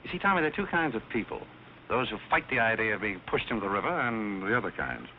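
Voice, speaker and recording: A man's voice: fairly low pitch, very animated, quick pace. A man acting a wry, debonair fellow trading dry screwball banter in a 1930s film comedy. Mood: earnest, sardonic. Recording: noisy muffled 1930s film soundtrack.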